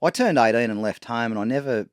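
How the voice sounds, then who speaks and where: Fast-talking laid-back Australian man. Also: mid-range voice, lively intonation, smooth, no echo, studio quality. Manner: laid-back, rambling, swears freely. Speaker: podcast co-host. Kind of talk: casual chat.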